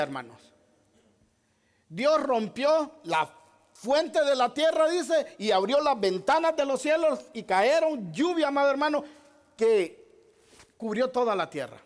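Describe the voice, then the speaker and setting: A male pastor preaching a sermon, emphatic, firing rhetorical questions at the congregation and repeating key phrases. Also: very high-pitched. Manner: repeats key phrases, addresses listeners as brother.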